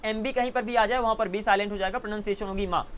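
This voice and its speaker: A man's voice: sits high, steady tone, a bit bright, a little hiss or hum. Playful male teacher drilling pronunciation. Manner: teasing and playful with students; drills words slowly by repeating them. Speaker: English teacher. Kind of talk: classroom lesson. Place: classroom with live students.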